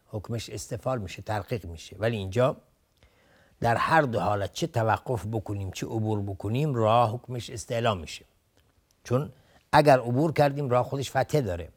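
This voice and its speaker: A man teaching Quran recitation on a TV lesson, chanting short phrases slowly and then explaining each rule in plain, steady speech, repeating words so learners can follow. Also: mid-range voice. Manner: repeats words to drill pronunciation.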